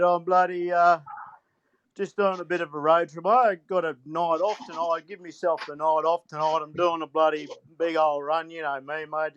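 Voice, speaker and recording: Aussie guy w broad accent, blokey caller rambling on, bit higher voice, really dry close sound. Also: fairly bright tone, clear, resonant tone, no echo, lo-fi sound. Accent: broad Australian. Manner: blokey, repetitive, swears mildly and often. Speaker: phone-in caller, truck driver. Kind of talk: casual rambling chat.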